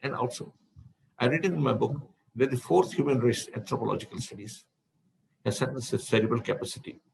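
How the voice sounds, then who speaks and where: A man with an Indian English accent, a spiritual teacher, speaks to devotees in an online session. His mid-range, gravelly voice is a little fast, and he rambles discursively, often repeating words while searching for the next phrase. The recording quality is low.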